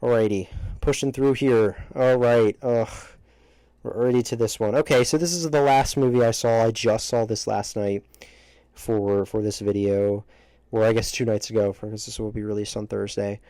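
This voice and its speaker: A man with a fairly dark, mellow voice reviews films in a casual, opinionated way. He speaks emphatically but haltingly, cutting into his own sentences as he goes. The sound is close and dry, right up on the mic. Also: lowish voice, fairly even intonation, no echo, rough recording. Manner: halting, self-interrupting, emphatic. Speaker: movie reviewer ranking films. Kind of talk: casual opinionated video commentary. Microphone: close microphone, breaths hitting it.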